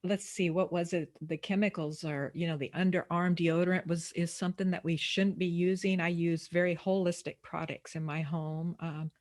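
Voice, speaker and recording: A woman's voice: lowish voice, flat delivery, normal speed, hardly any pauses. Chatty woman interview host. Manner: chatty, many fillers, playful asides. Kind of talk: casual conversational interview.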